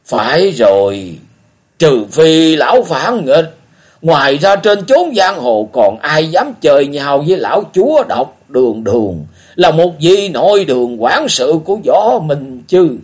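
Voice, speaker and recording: A man voicing a cantankerous old male beggar martial artist who scolds and shouts in a husky voice for a story reading. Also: fairly high pitch, big pitch swings, measured pace, voice pushed up, exaggerated voice. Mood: gruff musing.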